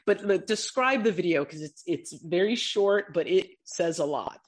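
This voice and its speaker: A woman's voice: fairly low pitch, expressive, moderate pace, husky. A woman hosting an interview, asking questions in a loose, playful way and joking about her age. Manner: loose and playful, jokes about being old. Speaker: interview host. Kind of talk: casual interview chat.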